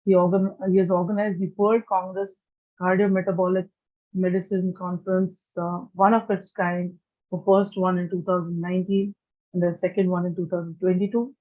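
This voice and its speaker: An awards ceremony host gives a formal stage introduction, earnest and halting as they read out a long list of honours. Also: medium pitch, level tone. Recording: tinny phone-like sound.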